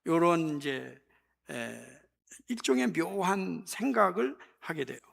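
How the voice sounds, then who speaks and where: Intense, gravelly-voiced preaching pastor. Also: male voice, a little high, very animated, slow, a bit bright. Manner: impassioned preaching, mimics voices. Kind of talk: sermon. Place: church.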